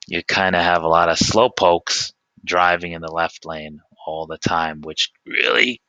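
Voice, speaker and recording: A man's voice: low-pitched, a little slow, bright, forceful tone, no echo, highs cut off. A man from New York City with a New York accent, a school's foreign English teacher giving a casual talk to students and repeating words for stress.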